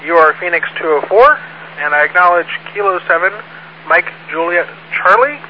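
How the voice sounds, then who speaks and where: A slightly high-voiced man runs an amateur radio net as its control operator. He speaks formally and methodically, spelling call signs in the phonetic alphabet. His voice comes through a dull radio channel with faint noise behind it. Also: animated. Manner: formal, measured, repetitive procedural delivery. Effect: two-way radio. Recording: muffled, noisy amateur radio transmission.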